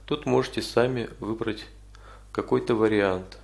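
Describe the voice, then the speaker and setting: A man with a lowish voice leads an informal software tutorial. He explains each step as he goes, pausing now and then to find the next word. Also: creaky. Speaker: tutorial instructor. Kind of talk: informal spoken software walkthrough.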